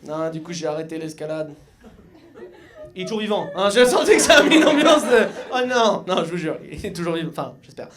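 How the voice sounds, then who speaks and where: Young guy from mayenne doing stand-up, pretty high voice, live club crowd laughing. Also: fairly quick. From Mayenne, France. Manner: lively, joking, acts out voices of others. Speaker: stand-up comedian. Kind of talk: stand-up comedy. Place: comedy club stage before an audience.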